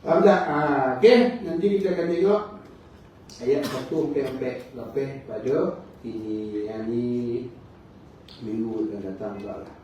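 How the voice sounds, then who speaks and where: This religious teacher speaks at mid pitch in a mellow, measured way, pausing often, with a faint hiss or hum underneath. Lecturing in a mosque hall with a Negeri Sembilan Malaysian Malay accent, he tells stories, voices the characters, and checks with listeners by asking "kan?". The sound is distant, dull, and roomy.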